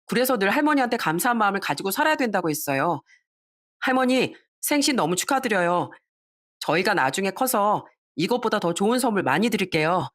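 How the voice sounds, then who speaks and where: A woman's voice: medium pitch, big pitch swings, fairly quick. A woman voicing a polite young grandson, speaking earnestly and respectfully.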